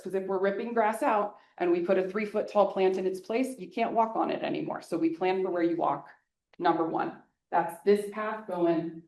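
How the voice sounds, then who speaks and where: Lively woman landscape designer in echoey hall. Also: lowish voice, creaky. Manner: energetic, chatty, joking. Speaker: landscape designer giving a talk. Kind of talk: public presentation with audience Q&A. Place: meeting hall.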